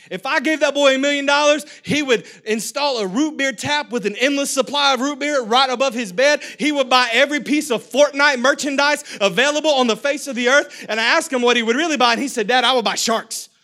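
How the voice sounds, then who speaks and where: High, bright-voiced energetic preacher man. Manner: energetic, humorous preaching with crowd call-and-response. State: voice getting hoarse. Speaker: pastor. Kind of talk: sermon.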